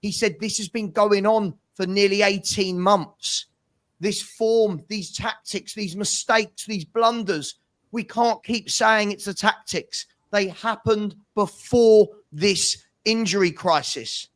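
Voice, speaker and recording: Passionate guy ranting like a fed up football fan, pretty high voice, really emphatic, repeats stuff for punch. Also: takes it slowly, fairly bright tone. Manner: passionate, exasperated; emphatic, repetitive rhetorical delivery. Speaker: football fan pundit on a fan channel. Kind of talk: opinion rant.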